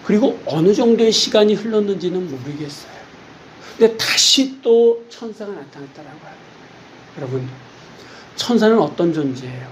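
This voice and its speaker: A middle-aged male pastor preaching a sermon in an animated way, often asking the congregation rhetorical questions. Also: high-pitched, moderate pace, poor audio.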